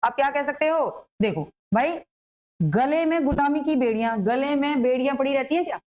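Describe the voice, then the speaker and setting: A woman teaching an exam-prep grammar class in a high, light voice. She talks her students through each example, asking a question and then answering it herself. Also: expressive, a little mellow, poor audio. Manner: explains slowly, asks and answers her own questions.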